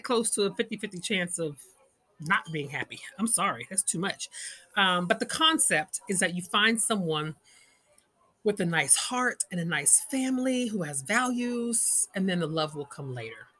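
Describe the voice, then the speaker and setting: A woman hosting her own podcast in an easy, chatty way. She sounds animated and laughs often. Her voice is a little breathy and husky. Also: on the low side. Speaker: podcast host. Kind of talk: casual solo podcast chat.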